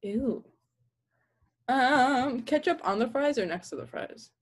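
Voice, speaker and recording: A woman's voice: high-pitched, expressive, takes it slowly, breathy edge. A young woman with a slight lisp, co-hosting a casual podcast and chatting in a giggly, rambling way. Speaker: podcast co-host. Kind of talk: casual chat.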